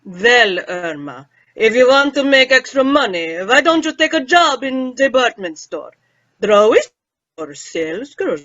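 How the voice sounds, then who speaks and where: A woman's voice: fairly high pitch, big pitch swings, unhurried, a bit bright, no room sound. A woman playing a jocular, teasing old male professor in an old-time radio comedy, on a muffled recording. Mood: wry.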